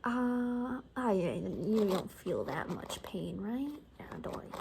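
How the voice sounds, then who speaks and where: Speaking slowly in a gravelly, sing-song voice of medium pitch, a woman performs an ASMR roleplay as a sassy, gossipy survivor of the apocalypse. She's casual and sarcastic, often dropping to a whisper, and there is background noise.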